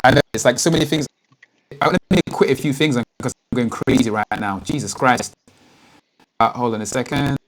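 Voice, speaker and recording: A man's voice: medium pitch, a little fast. A man hosting a casual livestream, chatty and exasperated as he sorts out technical problems with a remote guest. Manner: chatty, exasperated by tech trouble. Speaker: livestream host.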